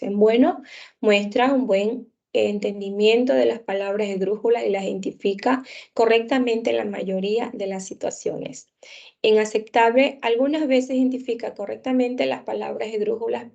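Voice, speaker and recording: A woman, a teacher, walking through a lesson plan in a halting way, with many fillers. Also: fairly high pitch, creaky, a little mellow, muffled recording. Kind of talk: explaining a lesson plan for a class project.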